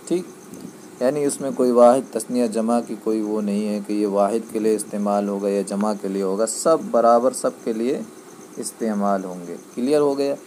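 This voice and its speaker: A man gives a grammar lesson in an even, mid-pitched voice with a warm, dark tone. He explains step by step, repeats key terms and stops to check that his students follow. A faint hum sits behind him. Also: rough recording. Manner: patient, repeats key points, checks understanding. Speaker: teacher.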